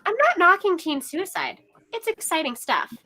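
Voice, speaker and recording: A woman's voice: sits high, expressive, moderate pace, fairly bright tone, no echo, rough recording. A woman voicing a snobbish, sarcastic teenage girl in a table read of a screenplay. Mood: snide. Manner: sarcastic, breezy.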